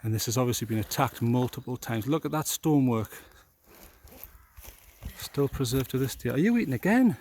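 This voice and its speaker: A man's voice: mid-range voice, animated, a little fast, darkish tone, slight background noise. A middle-aged man giving a chatty, joking walking-tour commentary to the camera he holds, outdoors at a castle ruin. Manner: chatty, jokey, talks to camera. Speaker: vlogger. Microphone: camera held by the speaker.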